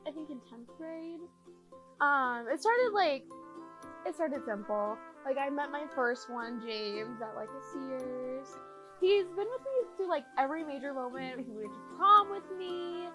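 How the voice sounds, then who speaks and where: A woman's voice: high voice, lively intonation, unhurried. A young woman playing a sheepish twenty-one-year-old who rambles hesitantly and defends herself in a mockumentary interview. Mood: sheepish, defensive. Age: young adult. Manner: hesitant, giggly, rambling confessional. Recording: music clearly behind the voice.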